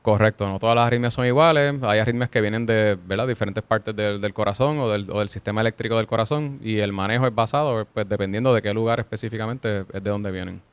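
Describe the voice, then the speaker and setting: A man explaining heart rhythm problems as a cardiologist guest, measured and explanatory, with small restarts. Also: fairly low pitch, smooth, no room sound. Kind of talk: explanatory interview answers.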